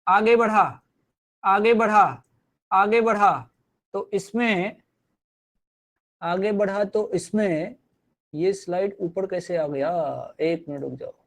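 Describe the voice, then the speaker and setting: Slow-talking male physics teacher. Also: high voice, fairly bright tone. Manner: repeats phrases, encouraging. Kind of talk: live online class lecture.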